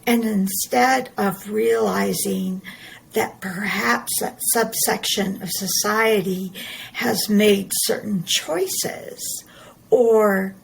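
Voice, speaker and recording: A woman's voice: mid-range voice, steady tone, drawn-out words, gravelly, slightly rough, low-quality recording. A middle-aged woman, talking earnestly and emphatically in a personal monologue, often repeating her words. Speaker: podcast host.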